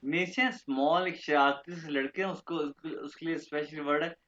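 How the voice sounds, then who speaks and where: Guy teaching german words online, kinda high voice, repeats stuff, dull lo-fi sound. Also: fairly even intonation, a bit bright. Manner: repeats words slowly, checks "theek hai?" often. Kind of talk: online language lesson.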